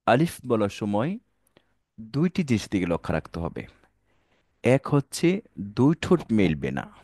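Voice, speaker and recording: A man's voice: on the low side, a little mellow, no room sound, studio quality. A man teaching an online Quran reading lesson, addressing viewers as dear brothers and sisters, mixing English words into his speech and calling out letters for them to repeat.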